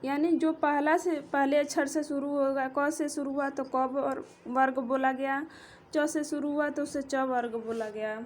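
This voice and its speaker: A high-voiced woman teaching a grammar lesson, stretching out each sound as she counts through the letters. She speaks at an unhurried, deliberate pace. A faint hiss of background noise sits behind her. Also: steady tone. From India. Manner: slow, drawn-out, explanatory, counting letters aloud.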